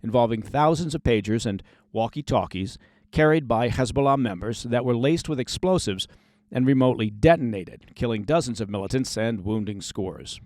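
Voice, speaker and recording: Male news host, mid pitch, scripted delivery, dry studio sound, sarcastic asides. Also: expressive, normal speed, a little mellow, no echo.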